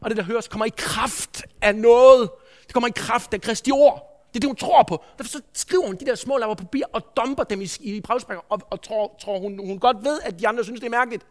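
A man preaching a sermon, telling a story in an earnest, anecdotal way with frequent restarts. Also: very high voice. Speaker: preacher, school head.

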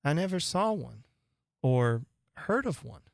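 A reader voicing a polite, puzzled young girl who answers softly and hesitantly. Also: mid-range voice, sing-song, unhurried, gravelly, dry recording, clean studio sound. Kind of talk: audiobook character voice.

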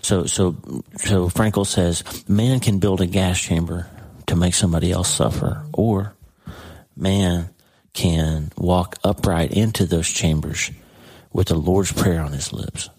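A man's voice: low voice, steady tone, slow pace, a little mellow, husky. A middle-aged man hosting a personal faith podcast, talking earnestly and confidingly to his listener. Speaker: podcast host.

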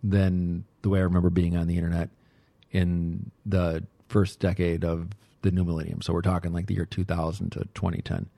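A middle-aged man with a deep, gravelly, mellow voice keeps his pitch fairly flat and talks at a normal speed. He's indoors at home recording a casual, rambling audio diary for his personal audio log, close to the mic with no echo. He muses hesitantly and repeats himself in short phrases.

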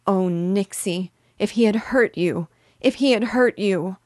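A woman's voice: on the low side, fairly even intonation, measured pace, no room sound, clean studio sound, natural voice. A woman voicing a tearful, remorseful young mother in an audiobook, weeping as she speaks. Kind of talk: audiobook character voice.

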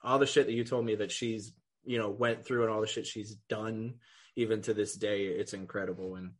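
A man hosting a casual sports podcast, talking in a relaxed, chatty way, swearing freely and laughing often. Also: lowish voice, a little fast. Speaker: podcast host.

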